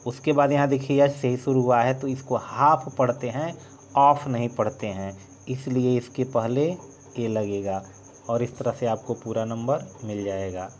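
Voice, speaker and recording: A man teaching an English lesson, spelling words out letter by letter as he writes and trailing off softly. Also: mid-range voice, steady tone, moderate pace, a little hiss or hum. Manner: dictates letter by letter, trails off softly while writing. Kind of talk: slow board-writing lesson, spelling out words.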